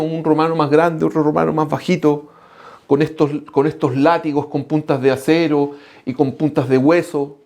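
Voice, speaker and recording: A male preacher, delivering an impassioned sermon that swings from loud cries to hushed lines and calls the listeners brothers. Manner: impassioned, shifting between loud outbursts and low hushed lines; addresses the congregation as brothers.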